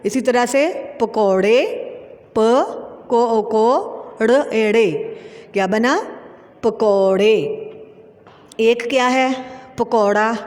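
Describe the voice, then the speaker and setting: A woman's voice: on the high side, in a large hall. A woman teacher with a Pakistani Urdu accent, patiently spelling out words letter by letter in a lesson for young children. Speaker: school teacher.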